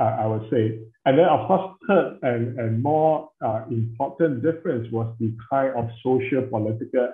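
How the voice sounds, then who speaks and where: A man answers interview questions as a scholar, thinking aloud in measured, hesitant phrases full of fillers. His voice sits at an ordinary pitch. It comes through a tinny, phone-like call line with a roomy echo around it. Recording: tinny, echoey call audio.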